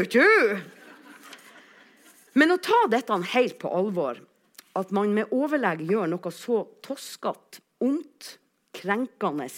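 A woman actress telling a personal story as a monologue, acting out the quoted lines with big changes in loudness. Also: mid-range voice. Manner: animated, acts out quotes with big shifts in loudness.

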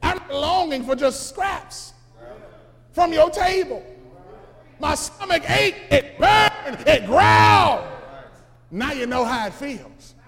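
A man preaching in the voice of Lazarus, a poor, sore-covered beggar, loudly confronting a rich man. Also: very high-pitched, sing-song, slow pace, big-room sound, pitched above the performer's own voice, exaggerated voice. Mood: indignant. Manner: loud, preaching cadence, shouted lines.

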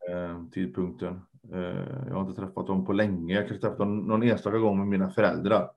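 A man with a fairly low voice, guesting in a candid conversation. He speaks earnestly and reflectively, trailing off and repeating words as he thinks. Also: level tone, lo-fi sound. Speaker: podcast guest, lecturer.

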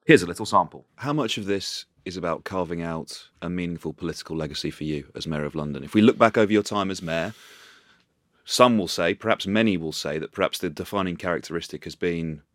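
A man's voice: low voice, brisk, fairly bright tone, dry recording, clean studio sound. A man presents and interviews as a podcast host.

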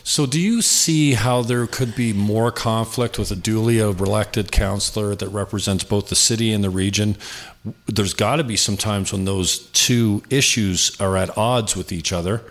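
A man's voice: lowish voice, moderate pace, a bit bright. A man with a Canadian accent hosting a casual political interview in an informal, joking way. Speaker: interview host.

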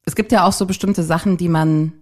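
A woman hosting a casual podcast chat, teasing her co-host and reading out questions slowly and deliberately. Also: lowish voice, steady tone.

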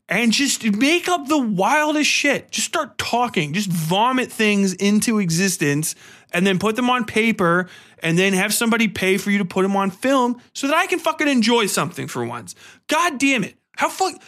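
A man with a high, pushed, bright voice hosts a solo podcast, casually reviewing and ranting about films. His talk is profane, slangy, and rambling.

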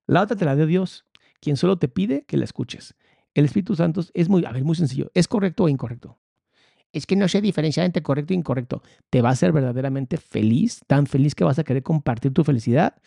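A man with a Mexican accent reads a spiritual text aloud and breaks off into expressive, sarcastic commentary. His voice sits a little high, with a gravelly fry and a mellow, dark tone. The sound is dry and close. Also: quick pace, no room sound. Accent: Mexican Spanish. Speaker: spiritual course teacher.

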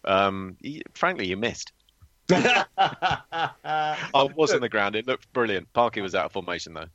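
A man's voice: fairly low pitch, lively intonation, moderate pace, fairly bright tone, dry recording. A man who is a former display pilot, telling flying stories on a podcast with dry, teasing banter. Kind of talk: casual podcast chat. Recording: dull lo-fi, dry sound.

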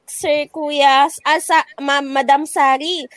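A woman's voice: high voice, steady tone, takes it slowly, fairly bright tone, dry recording. A woman co-hosting a live stream, reading out viewer comments in a playful, teasing way. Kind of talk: casual live-stream chat.

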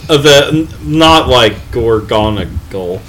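A man's voice: medium pitch, expressive, slow, a bit bright. A man as game master, casually narrating and voicing minor characters in an everyday voice. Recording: faint room noise and ambience.

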